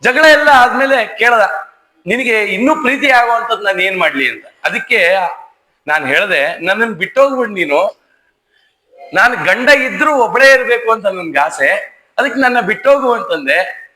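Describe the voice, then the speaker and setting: A sulky, quarrelsome goddess of misfortune reels off her demands one after another, voiced by a male preacher. The voice sits high and sounds bright and forceful throughout. It comes across as blunt and complaining, with no softness in it. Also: animated, normal speed, rough recording. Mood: demanding.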